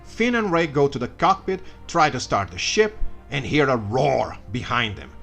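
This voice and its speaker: Bright-voiced sarcastic male narrator. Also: medium pitch, very animated, moderate pace, creaky, soft background music. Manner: sarcastic asides and mock outbursts. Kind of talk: comedic story recap narration.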